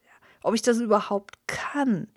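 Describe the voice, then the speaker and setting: A woman's voice: on the high side, normal speed, no room sound, studio quality. A middle-aged woman from the Ruhr area of Germany with a Ruhr German accent, giving a casual motivational talk as a business coach and tagging "ja" onto her sentences. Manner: chatty, filler "ja" after many sentences.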